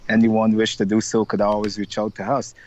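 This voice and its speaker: A middle-aged carnival organizer from Guyana, speaking with a Guyanese accent, joins a casual interview over video call as a guest. His fairly low, slightly mellow voice is monotone and a little fast, and he rambles upbeat with lots of fillers. The video-call audio is dull, lo-fi, and dry.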